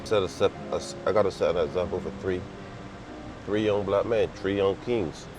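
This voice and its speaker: A Barbadian man from Barbados, a construction worker talking casually in an interview, animated and repetitive, outdoors on a city work site. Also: sits low, moderate pace, over music, rough recording. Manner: animated, repetitive, laughs while telling stories.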